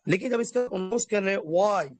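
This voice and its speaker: A man's voice: sits high, no echo. Man teaching English phonics, dry close sound. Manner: spells words out letter by letter and repeats them slowly; addresses listeners formally. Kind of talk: explanatory language lesson.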